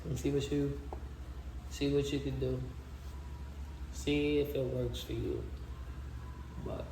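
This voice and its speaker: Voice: medium pitch, little pitch movement, takes it slowly, dark tone. Casual, slangy vlogger in an echoey room. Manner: slangy, informal, addresses viewers directly. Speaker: video host. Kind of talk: casual, chatty vlog talk to viewers. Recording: roomy echo with faint background noise.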